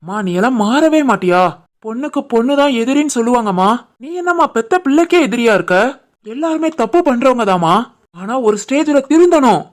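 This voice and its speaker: A woman voicing an earnest, soft-hearted young husband and son in an animated family drama, with a Tirunelveli Tamil accent. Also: a little high, fairly quick, natural voice. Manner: earnest, pleading.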